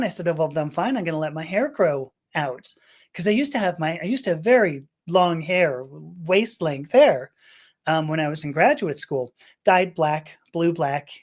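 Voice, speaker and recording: A middle-aged woman from Los Angeles, USA, appears as a podcast guest and tells a personal story, rambling and emotional, with restarts and laughter. Her voice is on the low side and a little mellow.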